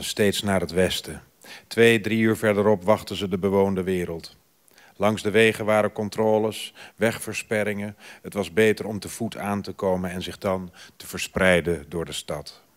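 Deep-voiced man in a measured reading. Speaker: writer reading at a festival. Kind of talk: literary reading at a festival. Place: theatre stage before an audience.

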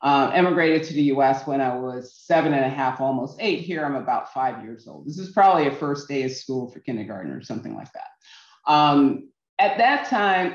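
Middle-aged woman from Barbados, earnest workshop presenter, some ums; roomy, dull video-call sound. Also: low voice. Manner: earnest, measured, with frequent ums and restarts. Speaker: workshop speaker.

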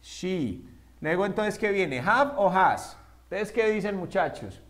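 Spanish-speaking male English tutor, high voice, quizzes his class and answers himself, drills example sentences slowly. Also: lively intonation, a bit bright. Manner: asks the students questions and answers them himself; slows down to spell out English examples. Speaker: English teacher. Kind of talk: whiteboard grammar lesson.

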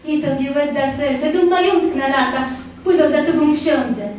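A woman's voice: high-pitched, normal speed, a little mellow, slight background noise, natural voice. Woman reading as a scorned, pleading lady in verse. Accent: Kashubian. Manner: declaiming verse dramatically. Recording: echoey room, far from mic.

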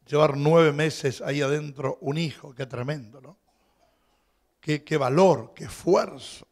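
A middle-aged man with a Rioplatense Spanish accent, preaching a sermon as pastor in a storytelling way, shifting between loud preaching and quiet asides and asking the congregation questions. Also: fairly high pitch, measured pace.

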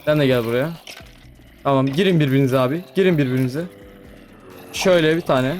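Young male gaming YouTuber, casual chatty play-by-play, excitable, mid pitch, faint background music. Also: a little fast. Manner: chatty, talks to mobs, frequent excited exclamations. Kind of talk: casual gameplay commentary.

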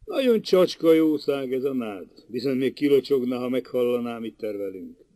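A man's voice: medium pitch, animated, dark tone, no room sound, lightly acted. A man voicing a sly, cheerful old male vagabond who chuckles and teases as he talks. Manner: chuckling, teasing storyteller.

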